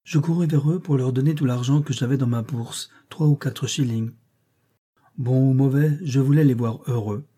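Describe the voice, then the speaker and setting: A man narrating a classic novel as an audiobook reader, in a steady, measured way. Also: medium pitch, slightly rough. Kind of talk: scripted narration.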